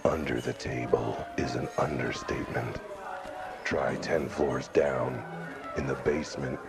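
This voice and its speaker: A man voicing a world-weary cat detective who narrates in a brooding, deadpan noir monologue with a gravelly voice. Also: extremely low pitch, unhurried, pitched below the performer's own voice, exaggerated voice. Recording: music behind the voice. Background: loud music.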